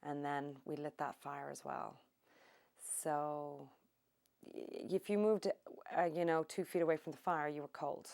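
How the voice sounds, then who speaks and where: A middle-aged woman from Ireland, recalling her country childhood in an oral history interview, unhurried and thoughtful with many pauses. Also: low-pitched, level tone, creaky, darkish tone. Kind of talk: reminiscing interview.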